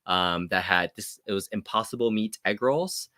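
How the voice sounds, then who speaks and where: A man's voice: lowish voice, normal speed, sharp tone, dry recording, clean studio sound. A man hosting a casual livestream chat, talking loosely with fillers and restarts. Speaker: host.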